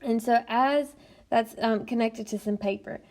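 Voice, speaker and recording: A woman teacher narrating a recorded lesson in a patient, explanatory way, often pausing with "um". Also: fairly high pitch, steady tone, darkish tone. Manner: patient, explanatory, frequent "um" fillers. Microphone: tablet screencast mic.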